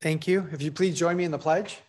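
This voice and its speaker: Higher-voiced mayor chairing a meeting. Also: male voice, a little fast. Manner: relaxed, informal procedural talk. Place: city council chamber.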